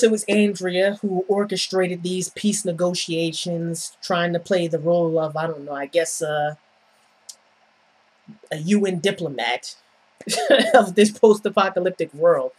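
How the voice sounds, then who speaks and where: Husky exasperated woman reviewing TV. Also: on the low side, unhurried, darkish tone. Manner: exasperated, sarcastic, repeats rhetorical questions. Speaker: TV episode reviewer. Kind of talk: casual opinionated review monologue.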